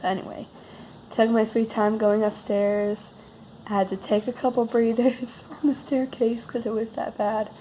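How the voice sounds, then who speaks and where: A woman's voice: fairly high pitch, flat delivery, moderate pace, dark tone, slight background noise, poor audio. A woman vlogger who sounds sick and losing her voice, telling a casual, rambling personal story with wry, self-deprecating understatement.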